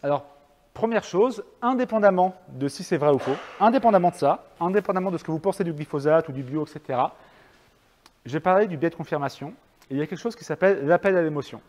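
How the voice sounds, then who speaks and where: A man's voice: a little high, lively intonation, fast talker, darkish tone. A French man giving a public talk to an audience, chatty and hesitant with many fillers and restarts. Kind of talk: lecture with audience questions. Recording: long reverb of a hall.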